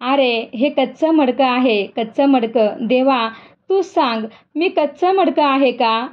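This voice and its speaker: A woman's voice: high-pitched, slow, lo-fi sound. A woman voicing a young male devotee, emotional and tearful, pleading and asking questions.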